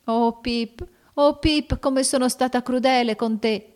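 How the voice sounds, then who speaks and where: A woman voicing a tender-hearted, remorseful young girl in an audiobook, high and pleading. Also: brisk, natural voice. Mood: wailing grief. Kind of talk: audiobook character reading.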